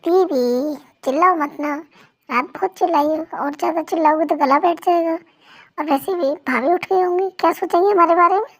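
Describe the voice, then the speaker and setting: Girl doing a drowsy teasing young guy calming his partner down, high voice, fan dub. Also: brisk. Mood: groggy. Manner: lazy, soothing, teasing. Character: sleepy teasing young husband. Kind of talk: amateur fan dub acting.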